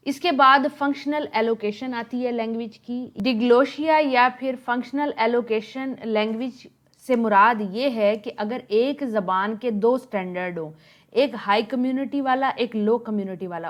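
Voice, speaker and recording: A woman's voice: on the high side, lo-fi sound. A woman giving a lecture, explaining terms patiently and mixing in English words. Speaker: teacher.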